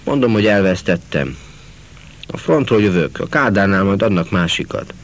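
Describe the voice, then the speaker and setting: A man's voice: low voice, lively intonation, pitched above the performer's own voice. A man voicing a bitter, jeering soldier back from the front. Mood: stubborn. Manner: jeering, sullen.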